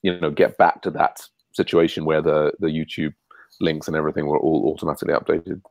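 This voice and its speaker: A man's voice: a bass voice, flat delivery, quick pace, a little mellow, dry recording, low-quality recording. A man hosting a casual online meeting, talking with many fillers and restarts over a video call. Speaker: meeting host.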